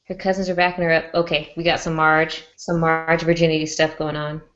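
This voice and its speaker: A woman's voice: deep voice, fairly quick, soft background music. Chatty woman co-hosting a muffled stream. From Mexico. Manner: chatty, giggly and energetic. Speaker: co-host. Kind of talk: casual live-stream chat.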